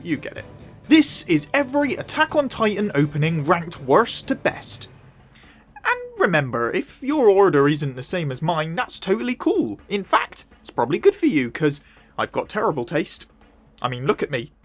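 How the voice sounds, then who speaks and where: A performer voicing a dorky little male puppet who reviews anime, speaking with a West Country accent in a jokey, self-mocking way. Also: mid-range voice. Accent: West Country English. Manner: wildly swooping, animated delivery. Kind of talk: comedic video review.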